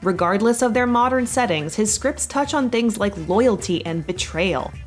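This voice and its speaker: Wry, lively woman narrating. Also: mid-range voice, normal speed, faint music behind. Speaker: video essay narrator. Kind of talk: scripted narration.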